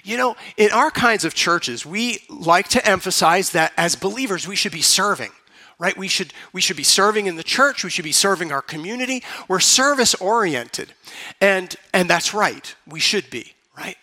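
Brief: male pastor, bright high voice, dramatic storytelling sermon with hushed moments. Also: animated, normal speed. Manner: dramatic storytelling that drops to a hush.

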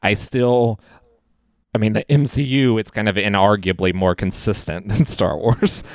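Fields: Sex: man. Role: podcast guest. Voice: low, smooth and clear. Sound: dry, close mic. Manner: rambling, casual, self-deprecating. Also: steady tone, unhurried, no echo.

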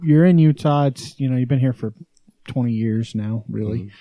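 Easygoing male host, very warm and mellow tone, dry close recording, keeps the questions coming. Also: medium pitch, normal speed, no room sound. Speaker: podcast host. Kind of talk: casual interview.

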